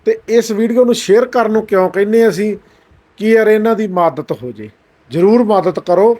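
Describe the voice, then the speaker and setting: A man hosting a charity video, making gentle, earnest, repeated appeals to viewers. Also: high-pitched, moderate pace.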